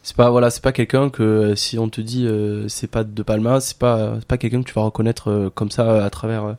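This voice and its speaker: A man with a fairly low voice is a guest in a casual film discussion. He talks haltingly and often searches for his words. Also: level tone, darkish tone.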